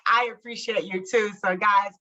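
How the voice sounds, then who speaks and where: A bright, clear-toned woman hosting a streamed podcast interview. She talks in an upbeat, chatty way and laughs easily between her points. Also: medium pitch, steady tone, a little slow, muffled recording, slight background noise. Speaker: podcast host.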